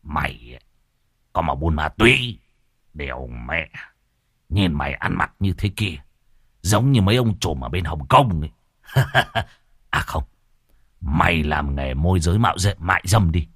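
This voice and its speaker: A man's voice: sits low, animated, measured pace, pauses often, fairly bright tone, slightly rough, dry recording, clean studio sound, pitched below the performer's own voice, heavily acted. A man voicing a crude, mocking sidekick, swearing as he teases. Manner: coarse teasing, swearing.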